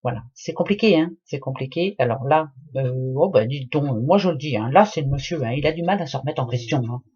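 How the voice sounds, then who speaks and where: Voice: medium pitch, expressive, a little fast, a little mellow, slightly rough, dull audio. A tarot card reader giving a casual, chatty astrology reading in French, padding every phrase with hein and voilà and repeating key words for emphasis.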